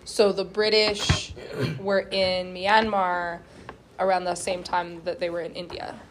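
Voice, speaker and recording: A woman's voice: fairly low pitch, level tone, slow, a little hiss or hum. Inquisitive woman asking questions. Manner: inquisitive, asks follow-up questions. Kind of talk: casual group discussion.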